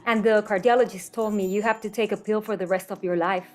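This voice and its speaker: Speaking quickly with fairly even intonation and a medium pitch, a middle-aged woman appears as an interview guest and health coach. She's from Mexico City, a native Spanish speaker with a Mexican accent, and she tells personal stories casually, acting out quotes, while faint music plays behind her.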